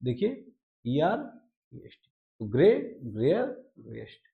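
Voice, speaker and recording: A man teaching a grammar lesson. He repeats each rule in Hindi, reads the English lines slowly and keeps checking in with his listeners. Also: mid-range voice, sing-song, creaky, phone-quality sound. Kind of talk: explaining a lesson.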